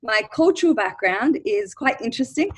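A woman's voice: on the high side, expressive, moderate pace, slightly rough, poor audio. A woman from Australia, talking eagerly as a podcast guest over a video call. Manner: bubbly and enthusiastic. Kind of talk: casual interview.

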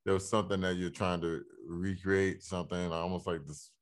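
A man hosting a casual interview, reacting with brief soft interjections. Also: sits low, fairly even intonation, a little fast. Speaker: interviewer host.

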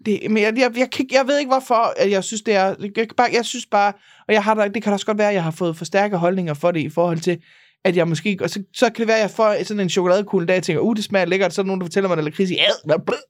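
A woman's voice: medium pitch, no room sound, clean studio sound. A woman with a North Jutlandic Danish accent, co-hosting a podcast in casual chat and protesting her opinions emphatically. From North Jutland, Denmark. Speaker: podcast co-host.

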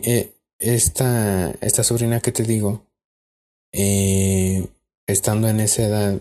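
A mellow, fairly low male voice with a Mexican accent belongs to a podcast co-host. He shares a spooky story from his own life in loose, chatty fashion, stumbling through many fillers and restarts.

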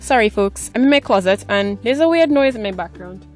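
A woman's voice: mid-range voice, animated, brisk, darkish tone, faint music behind. Chatty young woman podcast host. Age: 20s. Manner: chatty, rambling, self-mocking. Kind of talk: casual solo podcast chat. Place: small clothes closet at home.

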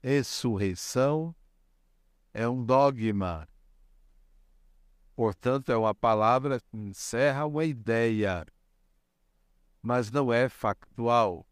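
Slow, deliberate older man lecturing. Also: medium pitch, clear, resonant tone, no echo, clean studio sound. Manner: slow, deliberate, repeats key words for emphasis. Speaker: spiritist lecturer. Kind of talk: religious lecture.

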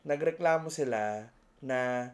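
A man's voice: mid-range voice, slow pace. A man in his thirties with a Filipino accent, a teacher co-hosting a casual podcast chat, telling stories playfully. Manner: animated, playful storytelling.

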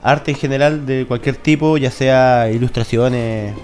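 A man's voice: medium pitch, steady tone, measured pace, darkish tone, faint music behind. A young man with a Chilean accent co-hosting a podcast in casual, self-deprecating comic banter full of slang. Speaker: podcast co-host.

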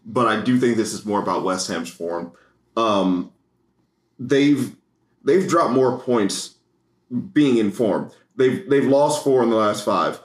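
An American man co-hosting a casual sports podcast, rambling and excitable, laughing often. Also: medium pitch. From United States. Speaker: podcast co-host. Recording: echoey room.

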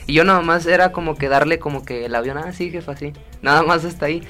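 A nineteen-year-old man from Sonora, a singer and guest, telling his story in a relaxed, rambling way. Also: on the high side, fast, soft background music. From Ciudad Obregón, Sonora, Mexico. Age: teens.

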